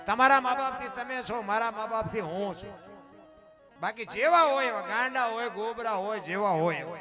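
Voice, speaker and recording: A man with a Kathiawadi Gujarati accent giving an emphatic dayro moral talk to a seated audience. He moves from soft asides to loud, preachy declamation and keeps calling his listeners "bapu.". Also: high voice. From Gujarat, India. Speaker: folk dayro speaker. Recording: live talk over clear instrumental music. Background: instrumental music playing under the talk.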